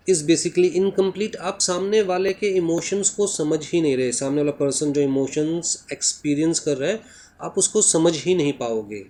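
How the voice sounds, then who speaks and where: A man with an Indian accent, a native Hindi speaker, teaching a class in mixed Hindi and English. He keeps asking "right?" and reads English lines slowly. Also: a little high, darkish tone.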